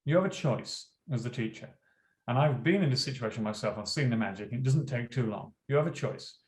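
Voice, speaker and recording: A school principal being interviewed, telling animated stories and acting out classroom dialogue. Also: male voice, medium pitch, fairly quick. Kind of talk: interview storytelling. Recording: roomy echo.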